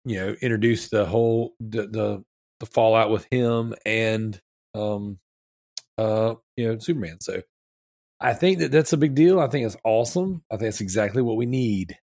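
Wheezy, congested man with a gravelly creak. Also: on the low side, darkish tone, no echo, studio quality. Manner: enthusiastic, slangy, rambling. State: sick with strep throat, mouth-breathing. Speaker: podcast host. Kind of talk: casual chat.

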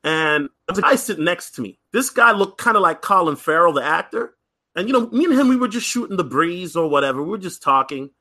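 Man, casual podcast storytelling, high voice, bright tone, chatty with fillers. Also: fairly quick. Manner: chatty, many fillers and restarts, frequent "right?"; lively, acts out other people's lines. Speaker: podcast host.

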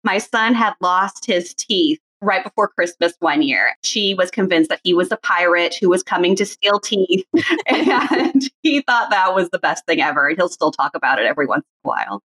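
A woman's voice: fairly low pitch, animated, moderate pace. A middle-aged woman as a guest in a casual chat, telling fond, nostalgic stories. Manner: warm and fond, nostalgic storytelling.

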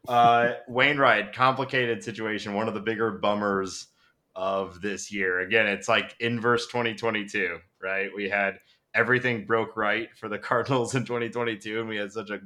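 A man with a deep, bright-edged voice comes through a low-quality stream from a backup computer microphone. He talks in a halting way, restarting his sentences often and slowing down as he thinks. He is a co-host chatting casually over a call. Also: steady tone. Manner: halting, with frequent restarts and slow stretches. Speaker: podcast co-host.

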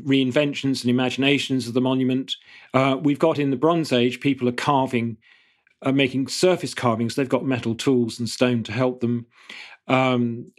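A middle-aged man speaks as an archaeologist guest, answering questions in an explanatory way. He pauses and restarts, then settles into fluent, careful explanation. His voice sits at an ordinary male pitch.

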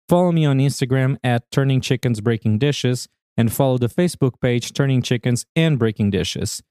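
A middle-aged man with a Portuguese accent hosts a podcast interview. He introduces his guest in an upbeat, playful way at a medium pitch. The recording is dry and close. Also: warm tone, clean tone, no room sound. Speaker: podcast host.

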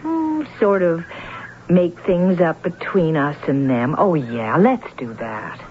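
An actress playing a fussy, easily irritated neighbor wife in an old radio drama. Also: female voice, fairly low pitch, very animated, takes it slowly, a little hiss or hum. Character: fretful neighbor wife, chatty. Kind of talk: 1940s radio acting. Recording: tinny old radio recording.

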